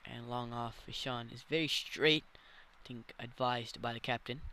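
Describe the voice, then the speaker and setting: A man giving live ball-by-ball cricket commentary as a commentator who gets excitable at big moments. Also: mid-range voice, measured pace.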